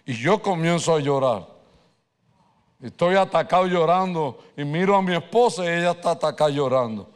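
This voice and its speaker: A man preaching a sermon, telling a personal story with animated delivery and slipping in English words. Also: a little high, moderate pace, smooth. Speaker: pastor. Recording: reverberant hall.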